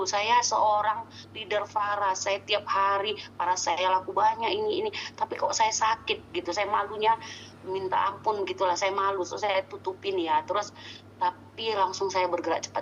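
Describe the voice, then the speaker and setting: A woman giving a casual spoken testimonial, halting and searching for words with many restarts. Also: medium pitch, highs cut off, slight background noise. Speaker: customer giving a product testimonial.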